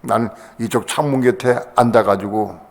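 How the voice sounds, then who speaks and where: This is an older man, a pastor, speaking at normal speed with a creaky voice as he shares an emotional sermon testimony. Passionate bursts send his pitch sharply upward, and the church hall around him adds a long reverb to the sanctuary recording.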